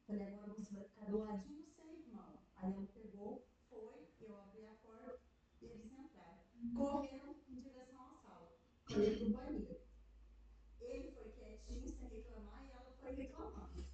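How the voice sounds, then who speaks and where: A young adult woman student with a Brazilian Portuguese accent, telling a personal story in an animated way and quoting her own words. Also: on the high side, recorded from a distance. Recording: echoey room, away from the mic, noisy.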